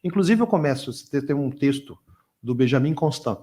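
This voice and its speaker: A man's voice: mid-range voice, animated, normal speed, mellow. A middle-aged man answering questions as a guest lecturer at a conference, talking discursively with frequent restarts and repeated words.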